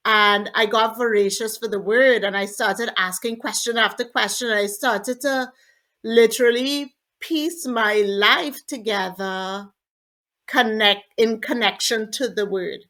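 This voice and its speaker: A woman's voice: on the high side, measured pace, sharp tone. A woman from Trinidad, a podcast guest, earnestly telling her personal faith story in an interview.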